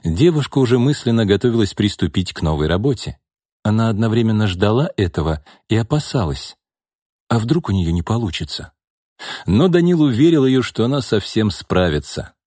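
A man reading a novel aloud as audiobook narrator, in a steady, even manner. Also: on the low side, normal speed, dry recording, clean studio sound. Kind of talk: scripted narration.

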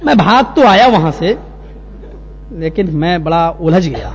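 Brief: high-pitched man preaching, lively storytelling, hall reverb with a faint hum. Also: vocal fry. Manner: animated anecdote-telling, acting out characters. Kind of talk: sermon storytelling.

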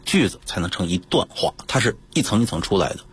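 嗓音沙哑的北京口音男人. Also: male voice, fairly low pitch, fast talker, husky. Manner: animated, emphatic explaining. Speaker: voice actor and dubbing director. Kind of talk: radio interview talk. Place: radio studio.

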